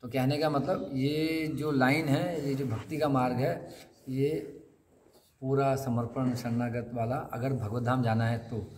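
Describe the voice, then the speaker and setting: A man's voice: medium pitch, steady tone, measured pace, a little mellow. A man giving a conversational sermon at a scripture class, asking his listeners questions and acting out the lines he quotes. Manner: conversational, asks the audience questions and acts out quotes. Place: temple hall. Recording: long hall reverb, faint noise.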